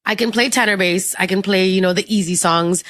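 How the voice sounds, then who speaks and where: A woman's voice: mid-range voice, steady tone, fairly quick, a bit bright, dry recording. Chatty Trinidadian woman, dry close sound. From Trinidad and Tobago. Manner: chatty and open, lots of you-knows and likes. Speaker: guest. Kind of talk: casual interview conversation.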